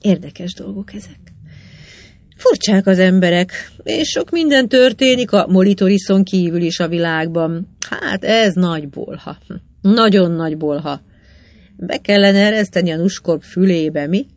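A reader voicing a slow, sleepy older man who speaks gruffly and hoarsely, easily astonished. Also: mid-range voice, natural voice. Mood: drowsy. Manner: gruff, hoarse, drowsy remarks. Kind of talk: audiobook character reading.

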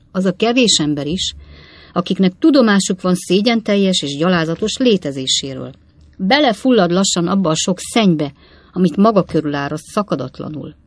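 A woman reading aloud and voicing a pompous, paranoid middle-aged male newspaper editor, hushed and fearful one moment, grandly ranting the next. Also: on the high side, slightly rough, dry recording, pitched above the performer's own voice.

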